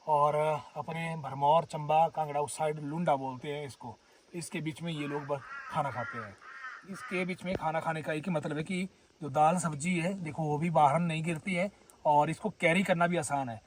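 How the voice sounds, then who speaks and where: Himachali guy vlogging at a forest camp, a bit high voice, mic kinda far off, faint hiss. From Himachal Pradesh, India. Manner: chatty, addresses viewers as friends and brothers. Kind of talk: casual vlog narration. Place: outdoors at a forest herders' camp.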